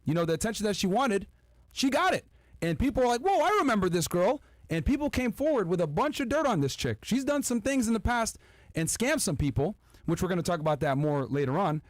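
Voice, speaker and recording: An emphatic man hosts a podcast, talking straight to his viewers between clips. His pitch swings widely and sits a little high. The sound is dry and close. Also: a little fast, no echo. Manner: animated, emphatic, addresses viewers directly. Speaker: podcast host. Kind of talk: commentary over clips.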